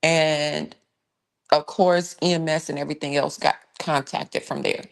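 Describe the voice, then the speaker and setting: A woman's voice: deep voice, steady tone, a little slow, gravelly. A woman hosting a live true crime stream, giving blunt, emphatic case commentary in a casual way and stopping to thank viewers. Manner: blunt, emphatic, conversational with sighs and restarts.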